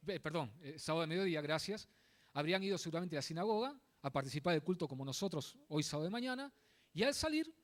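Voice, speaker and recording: Lively high-voiced male preacher. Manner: expository, repeatedly stressing key words, asides to the congregation. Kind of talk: sermon. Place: church.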